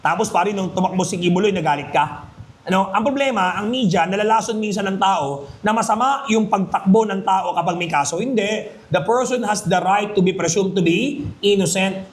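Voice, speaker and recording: Emphatic high-voiced man lecturing. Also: normal speed. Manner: emphatic, jokey, keeps asking "Maliwanag?". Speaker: criminology review lecturer. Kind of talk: Taglish review lecture. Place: classroom. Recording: echoey room.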